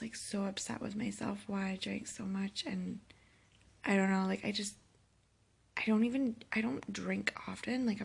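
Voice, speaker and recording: Woman in her thirties, hungover and sick, heavy gravelly vocal fry, husky, weary halting confessional vlog talk. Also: medium pitch. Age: 30s. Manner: weary, self-reproachful, halting. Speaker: vlogger. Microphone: phone held by herself.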